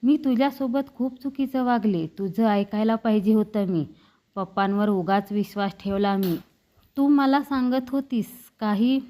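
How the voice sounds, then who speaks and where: A woman voicing a young woman who pleads tearfully and speaks a little higher than her narration. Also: mellow, close to an everyday voice. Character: young woman, a politician's daughter, in love and pleading.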